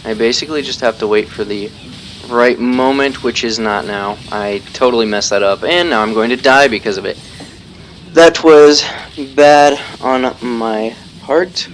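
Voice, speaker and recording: A man talks through his own match in a relaxed, unscripted way, explaining each move as he plays and owning up to his slips. His voice sits at an ordinary middle pitch for a man. A faint hum of ambience stays behind him. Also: measured pace. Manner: casual, thinking aloud, self-deprecating; explains tactics while playing. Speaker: gameplay guide commentator. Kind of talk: live gameplay commentary.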